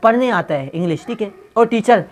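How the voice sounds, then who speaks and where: A man's voice: high-pitched, animated, brisk. Joking man teaching pronunciation. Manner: joking, teasing, addresses viewers as brother; mixes English phrases into his talk. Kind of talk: casual video lesson.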